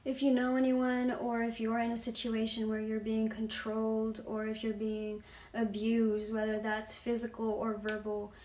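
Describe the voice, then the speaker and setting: Young woman vlogger, casual slangy storyteller, slightly high voice, roomy sound. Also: monotone, moderate pace, a little mellow. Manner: slangy, fills talk with "like". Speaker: vlogger telling a personal story.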